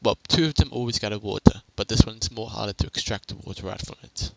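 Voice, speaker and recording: Young male gamer, gravelly, chatty home-recorded tutorial voice. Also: fairly low pitch, quick pace, a bit bright, poor audio. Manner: rambling, self-correcting, chatty. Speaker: game tutorial narrator. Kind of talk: casual gameplay tutorial. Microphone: headset.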